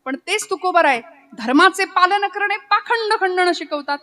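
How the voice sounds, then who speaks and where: A woman's voice: extremely high pitch, animated, normal speed, bright, forceful tone. A Marathi woman preacher giving a devotional kirtan sermon, telling stories and acting out the characters' lines. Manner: dramatic storyteller, voices characters, breaks into Hindi couplets and chant.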